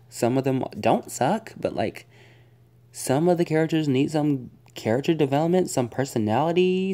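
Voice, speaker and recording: A woman's voice: deep voice, warm tone. A young woman vlogger giving a casual spoken movie review, rambling and exasperated, full of fillers and groans.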